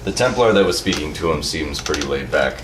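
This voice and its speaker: A man's voice: extremely low pitch, fairly quick. A man narrating a tabletop role-playing session as game master, casual and rambling. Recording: echoey room, mic far off, steady background noise.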